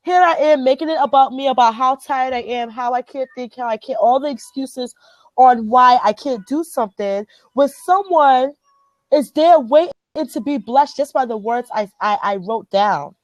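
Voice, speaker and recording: This host, a woman with a Liberian accent and a fairly high voice, leads a motivational group chat at a normal pace, earnestly stressing and repeating her key phrases. The sound is close and dry, though the audio quality is poor.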